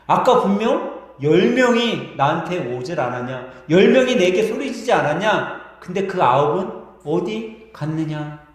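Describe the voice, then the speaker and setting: A man doing Jesus, slow and solemn. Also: high voice, animated. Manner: slow, grave, questioning. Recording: echoey church hall.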